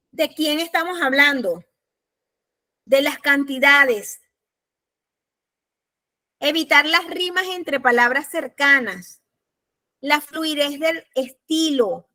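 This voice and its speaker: A woman law lecturer with a Panamanian Spanish accent teaches a recorded class. Her voice sits high and bright. She speaks slowly and deliberately, going back over each point. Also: lively intonation. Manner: slow, deliberate, repeats key points.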